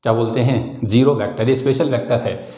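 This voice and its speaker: A man's voice: mid-range voice, dark tone. Indian man teaching physics in a roomy space. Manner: explains step by step, addresses students as "beta" and "sahab"; slow, spelled-out dictation of definitions. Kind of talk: classroom lecture.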